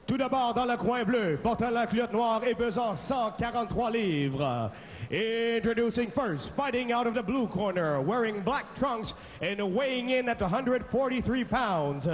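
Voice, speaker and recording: A man's voice: very high voice, highs cut off. A man as a bilingual arena ring announcer, formal and theatrical, drawing out names over a public-address system. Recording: echoing arena PA, band-limited, noisy.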